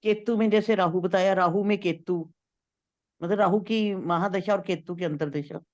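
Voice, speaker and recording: Student in an online class throwing quick questions at the teacher, muffled lo-fi sound. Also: medium pitch, darkish tone.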